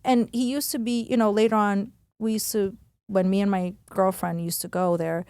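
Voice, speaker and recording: A woman from New York, a podcast guest talking quickly and candidly, full of "like" and "you know", acting out remembered lines. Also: medium pitch, level tone, a little mellow, clear, resonant tone, dry recording. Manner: rapid, full of "like" and "you know", re-enacts quotes. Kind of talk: candid conversational interview.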